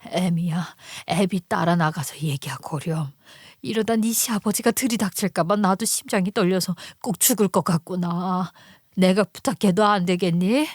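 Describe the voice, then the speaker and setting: 여자가 연기하는 떨리는 목소리의 겁먹은 시어머니. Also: female voice, medium pitch, steady tone, normal speed, dry recording, clean studio sound, natural voice. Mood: frightened. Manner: shaky, hushed, pleading. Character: frightened trembling older mother-in-law.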